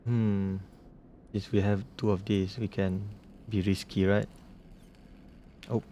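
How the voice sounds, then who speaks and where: A man's voice: on the low side, flat delivery, takes it slowly, warm tone, lo-fi sound, a little hiss or hum. A man streaming a game, reading the story text aloud and muttering casual comments to himself.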